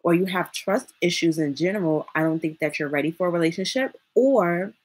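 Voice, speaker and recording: Woman, live streamer, slight lisp, husky breathy tone, rambling casual advice. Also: on the low side, fairly quick. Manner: rambling, thinks aloud, uses fillers.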